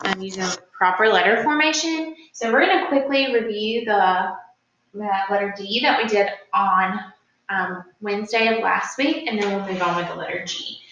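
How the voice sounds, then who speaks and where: A woman's voice: mid-range voice, moderate pace, a bit bright, highs cut off, a little hiss or hum. A woman teacher giving an informal, instructional video lesson to young children. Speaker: early-grade teacher. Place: indoor room at a smartboard. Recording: very echoey room, slightly distant mic.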